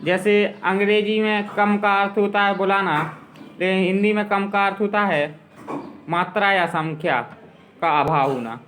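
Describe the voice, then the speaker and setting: Guy with a high voice teaching grammar, goes over examples again and again, a bit of hiss behind. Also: steady tone, fairly bright tone, low-quality recording. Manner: explains slowly with repeated examples. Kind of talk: classroom grammar lesson.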